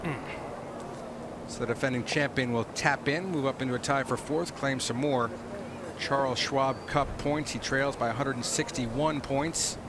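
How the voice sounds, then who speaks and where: A man's voice: medium pitch, moderate pace. A man working as a golf commentator, giving broadcast commentary and announcements. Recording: outdoor broadcast, clear ambient noise.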